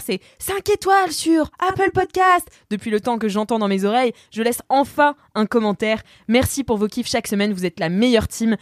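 Lively woman podcast host, dry sound. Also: mid-range voice, no echo. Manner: lively, laughs often, dramatic when reading. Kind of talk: casual chat, reading listener messages aloud.

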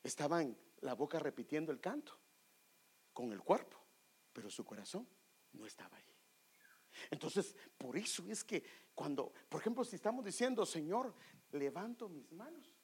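An animated preacher teaching a congregation about worship, with a husky, slightly breathy voice. The pitch swings widely as the speaker presses rhetorical questions on the listeners. Now and then short snatches of worship songs slip into the talk. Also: moderate pace.

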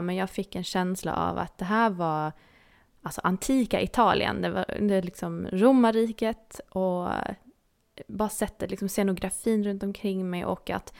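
A woman's voice: medium pitch, creaky, clean tone. A woman telling a personal story in an earnest, intimate way, sometimes dropping to a near-whisper.

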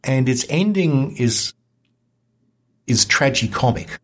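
A man guest on a history podcast, explaining events in a lively, wry conversational way. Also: mid-range voice, slow pace. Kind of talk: casual history chat.

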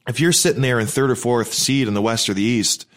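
A man's voice: mid-range voice, fairly even intonation, fairly quick. A man chatting casually and telling rambling stories, breathing through his mouth because of a broken, blocked nose. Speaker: podcast co-host, former pro hockey player. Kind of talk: casual chat, personal storytelling.

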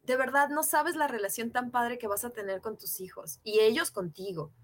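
A woman speaks in an earnest, encouraging way and gives advice to parents. Her voice is a little high. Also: moderate pace. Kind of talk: casual conversation about parenting.

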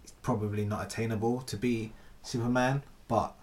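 A man's voice: mid-range voice, fairly even intonation, moderate pace, slight background noise. A man in a casual philosophical chat, thinking aloud with hesitant restarts.

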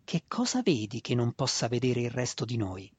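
Storybook role: man playing a cold young drow woman, slow and hushed, husky tone. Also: mid-range voice, big pitch swings, no room sound. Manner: quiet, slow, hushed questions. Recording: dull dry lo-fi recording.

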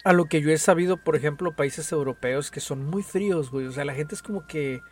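This one is brisk and fairly high-pitched, with a little hiss or hum on the recording. The speaker, a young Mexican man with a Mexican accent, co-hosts a podcast and chats casually, swearing plenty, using lots of slang, and saying "güey" all the time.

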